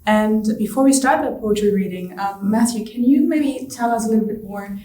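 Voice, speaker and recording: A woman's voice: on the high side, moderate pace, mellow, faint music behind. Woman welcoming people at a museum, lots of uhs, sounds far from the mic in a roomy space. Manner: hesitant, many uhs. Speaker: museum host. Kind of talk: welcome speech.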